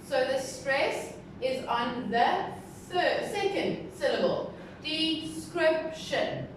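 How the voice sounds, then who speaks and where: A woman teacher giving a recorded lesson to young pupils, speaking slowly and stressing syllables as she teaches new words. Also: sits high, expressive, recorded from a distance. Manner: slow, deliberate, stressing syllables. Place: classroom with a board. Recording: very echoey room, voice from the mic, clear background noise.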